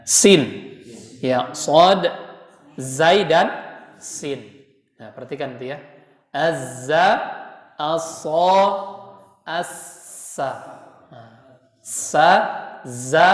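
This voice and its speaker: Male recitation teacher with a slightly high voice, speaking very slowly, chanting syllables for the class, in an echoey hall. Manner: patient, demonstrating letter sounds slowly and chanting words. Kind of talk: Quran pronunciation lesson.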